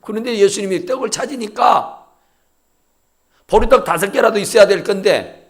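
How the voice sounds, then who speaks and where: A man preaching a sermon as pastor, acting out dialogue and swinging from shouting to near whispers. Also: high-pitched, normal speed.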